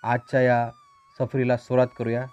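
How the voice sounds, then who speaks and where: A man reading a children's story aloud in a calm, rhythmic storyteller manner. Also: medium pitch, normal speed, clean tone. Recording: dry, slightly dull recording.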